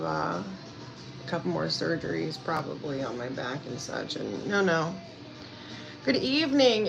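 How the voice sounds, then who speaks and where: Poor audio captures a woman's fairly low, creaky voice. She's a self-care coach and vlogger from Pennsylvania, USA, answering viewers in a casual indoor live chat at home, with background music, and her talk is rambling, hesitant, and full of fillers.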